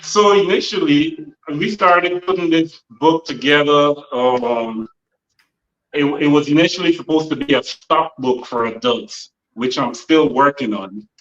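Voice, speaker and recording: Man with a Guyanese background on a distant, dull phone mic. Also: a little high. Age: 40s. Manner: measured, trailing off with frequent uhs. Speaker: author guest. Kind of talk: interview answers. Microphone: phone held by another person.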